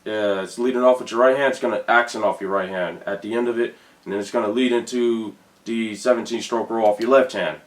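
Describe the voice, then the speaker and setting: A man teaching drum rudiments, counting beats aloud in a casual, unhurried way with some fillers. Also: lowish voice, steady tone, reverberant. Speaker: drum instructor.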